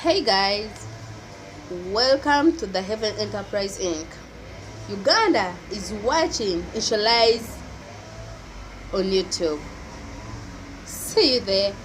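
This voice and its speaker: A woman records a quick promo greeting for a channel. She speaks slowly at a medium pitch, and her delivery is friendly and brief. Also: animated, a little hiss or hum, low-quality recording. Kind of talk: short promo message.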